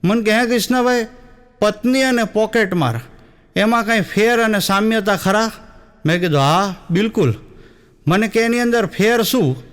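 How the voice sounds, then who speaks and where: A man's voice: high-pitched, normal speed. A young man with a Gujarati accent, telling comic stories on stage and acting out the dialogue. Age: young adult. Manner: storytelling with quoted dialogue, sung wedding song snippets. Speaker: stand-up comedian.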